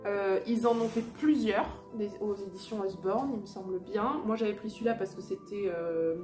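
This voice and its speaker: A woman's voice: medium pitch, moderate pace, a little mellow. Woman, casual show-and-tell chat, hesitant with lots of fillers, roomy echo, faint music behind. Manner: hesitant, many fillers and restarts. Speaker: vlogger and mother sharing children's books. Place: home, seated beside a fireplace.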